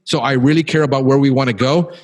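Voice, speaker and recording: A man's voice: mid-range voice, fairly even intonation, fast. A man who hosts a podcast, talking casually in an emphatic, encouraging, talkative way. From Cuban background. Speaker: podcast host.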